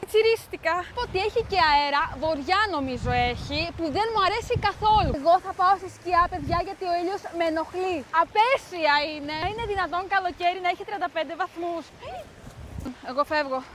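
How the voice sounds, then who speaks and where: A woman's voice: very high-pitched, fairly bright tone, slight background noise. A woman playing a fussy beachgoer who complains about everything. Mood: grumbling. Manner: grumbling, fussy.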